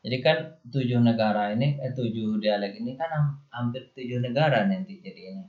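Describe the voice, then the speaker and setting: This is a classroom lecture on Islamic studies from a man with a light Indonesian accent, who explains in a relaxed, conversational way peppered with "ya" and "nih." His mid-range voice moves briskly. The recording is dull and lo-fi.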